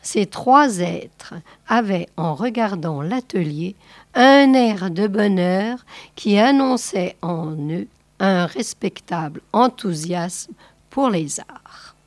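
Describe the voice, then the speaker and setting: A woman reading a classic novel aloud in a measured literary style, sometimes softly breathy. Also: medium pitch, animated, no room sound. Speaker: audiobook reader.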